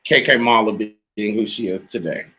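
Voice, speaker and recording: A man's voice: fairly low pitch, normal speed, sharp tone. A man hosting a casual live-stream interview, hyped and repetitive, calling out to viewers as y'all. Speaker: host.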